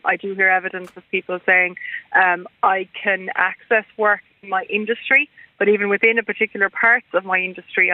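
An Irish woman speaking as an academic guest in a radio interview, explaining things in a measured, formal way. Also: lowish voice, no room sound. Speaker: guest expert, university lecturer. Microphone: telephone. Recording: narrow, tinny phone line.

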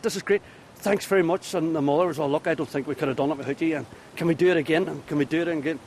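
A man's voice: on the high side, a little mellow. A man in his forties with a Northern Irish accent, an outdoor education instructor telling jokey stories in a casual interview. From Northern Ireland. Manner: chatty, jokey storyteller, acts out voices. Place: outdoors at an activity centre.

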